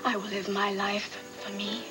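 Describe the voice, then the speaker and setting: Actress playing a wounded, proud soap-opera woman over loud music. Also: a little high, expressive, moderate pace, natural voice. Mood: defiant. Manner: dramatic, emotional, bitterly emphatic. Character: wounded, proud, defiant woman scorned by former lover. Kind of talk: television soap opera acting.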